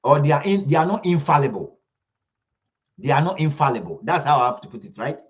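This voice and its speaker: A man's voice: on the high side, lively intonation, fast. Emphatic man on a lo-fi stream. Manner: emphatic, repetitive, pleading with viewers. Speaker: online commentary host. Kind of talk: livestream commentary.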